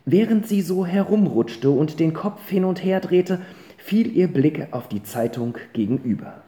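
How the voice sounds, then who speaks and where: Animated audiobook narrator, mellow tone. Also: mid-range voice, unhurried. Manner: expressive, animated reading. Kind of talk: storybook narration. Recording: roomy echo.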